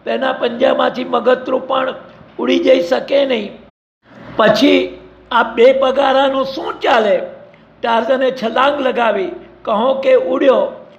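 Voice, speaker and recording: A man's voice: extremely high pitch, fairly even intonation, slow, creaky. A man narrating an adventure story in a vivid, emphatic storytelling manner. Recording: dull lo-fi recording.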